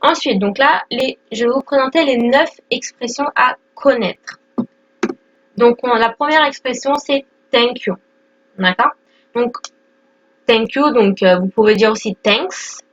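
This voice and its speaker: A young woman in her twenties walks learners through the basics in a casual lesson, pausing on fillers and checking in often. Her voice sits a little high. The recording sounds dull and lo-fi. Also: fairly bright tone. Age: 20s. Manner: explains step by step with many fillers and "d'accord?". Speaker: English teacher.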